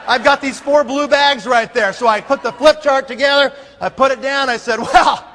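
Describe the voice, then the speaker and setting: Man, comic storyteller on stage; bright, sharp voice, faint room noise behind. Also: very high voice, moderate pace. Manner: animated, laughing, acts out scenes. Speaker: speaker. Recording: long hall reverb, faint room noise.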